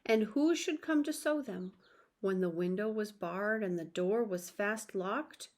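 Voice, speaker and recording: A woman narrating a children's story aloud in a gentle, expressive manner. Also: mid-range voice, a little slow.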